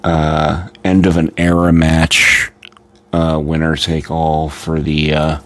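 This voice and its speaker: A man with a very deep voice talks casually on a live stream, tired and yawning. His delivery stays low and flat as he rambles on with many fillers and restarts. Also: slow pace.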